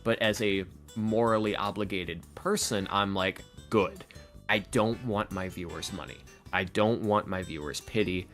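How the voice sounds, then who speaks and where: Faint music plays while a man with a lowish, slightly bright voice talks unhurriedly. He is an ASMR roleplay audio creator appearing as a podcast guest, sharing things casually and candidly in an earnest, confiding, self-deprecating manner.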